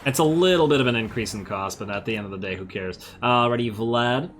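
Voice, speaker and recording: A man's voice: medium pitch, a little fast, a bit bright. A man giving casual, think-aloud commentary while playing a strategy game, self-amused and slightly losing his voice. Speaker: strategy game let's-play host.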